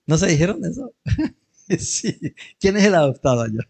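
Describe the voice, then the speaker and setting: A man's voice: sits high, sing-song, normal speed, vocal fry, darkish tone. A middle-aged man with a Colombian Spanish accent, preaching a sermon in church, telling anecdotes and joking with the congregation. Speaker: pastor.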